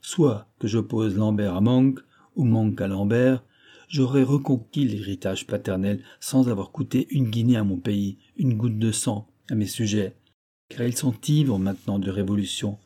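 A man's voice: lowish voice, warm tone, close to an everyday voice. A man voicing a desperate, proud exiled king who pleads earnestly for help.

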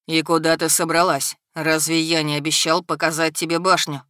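A woman voicing a stern, powerful male dragon who speaks in a low, even, dry way. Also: moderate pace, dry recording. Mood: cool.

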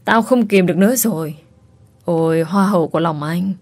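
A woman's voice: fairly low pitch, moderate pace, darkish tone, no echo. A woman voicing a bossy, lecherous man in his sixties who scolds and threatens in a storybook tale. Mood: gruff. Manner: gruff, scolding, leering.

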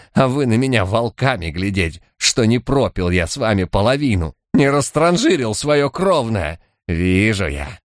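A man voicing a panicky, self-pitying male detective who talks in a shrill, defensive way. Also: no room sound, clean studio sound, close to an everyday voice. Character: panicky, whining middle-aged male detective.

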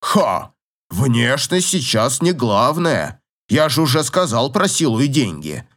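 A man voicing a gruff, teasing old professor in an audiobook, grumbling and chuckling in a slow drawl. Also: medium pitch, big pitch swings, a bit bright, heavily acted. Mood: matchmaking. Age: older.

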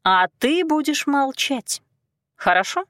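Woman as a gentle firm young woman, soft, coaxing, unhurried, dry sound. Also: sits high, very animated, no room sound, pitched above the performer's own voice, heavily acted.

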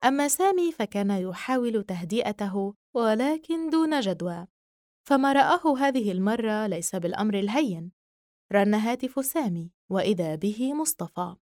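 A woman reading a novel aloud as an audiobook narrator, in measured literary narration. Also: medium pitch, expressive, a little mellow, no room sound, clean studio sound. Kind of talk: scripted narration.

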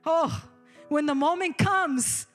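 A woman pastor preaching an animated sermon, giving directions to the congregation and slipping into English phrases. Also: sits high, slow, soft background music.

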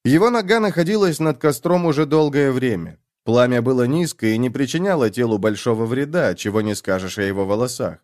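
A man narrating an audiobook chapter with steady, expressive storytelling. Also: medium pitch, no echo, studio quality. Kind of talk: audiobook reading.

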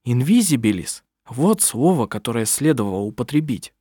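A man reading aloud, voicing a proud, sharp-tongued middle-aged witch who is a mother, with dry, cutting remarks. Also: medium pitch, big pitch swings, moderate pace, husky, no room sound. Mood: wry.

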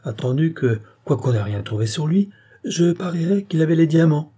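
Boastful guard officer, eager and sure of himself, read by a man, low rasp. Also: animated, normal speed, dark tone. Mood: confident.

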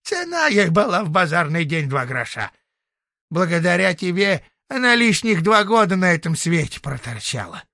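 A man voicing a spiteful, scornful old hermit sorcerer with a gruff, mocking, barking manner. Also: sits high, big pitch swings, moderate pace, pushed and bright, dry recording, clean studio sound, pitched above the performer's own voice, exaggerated voice. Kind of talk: audiobook character voicing.

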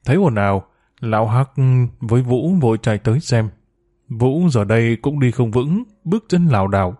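A man narrating a serialized story at a measured, steady pace. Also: mid-range voice. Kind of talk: audiobook narration.

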